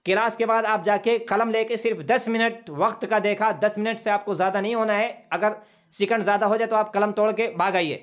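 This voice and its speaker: Man teaching english grammar, patient, says example lines over and over slowly. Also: sits high, fairly even intonation. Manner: patient, repeats phrases slowly for students. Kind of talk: classroom lesson explaining grammar.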